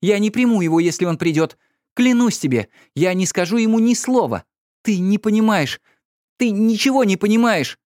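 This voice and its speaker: A man reading an audiobook, voicing an irritable, distraught young noblewoman with sharp, exasperated outbursts. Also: on the high side, animated, moderate pace, no room sound, studio quality, voice pushed up, close to an everyday voice.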